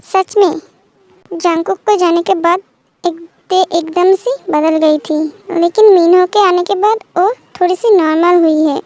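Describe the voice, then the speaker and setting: A woman's voice: extremely high pitch, steady tone, a little slow, darkish tone, no room sound. A woman narrating a fan-made story in a plain, matter-of-fact way. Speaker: narrator of a fan dubbing channel. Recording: dry close mic with faint background music.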